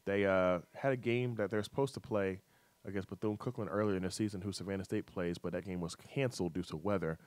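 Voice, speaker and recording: A lower-voiced man runs a sports talk radio show, reading scores and game schedules. He fills gaps with "uh" and keeps the banter light. The sound is dry and close on a studio mic. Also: fairly even intonation, fast talker, darkish tone, no room sound. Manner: chatty, reads scores with fillers, teasing co-host.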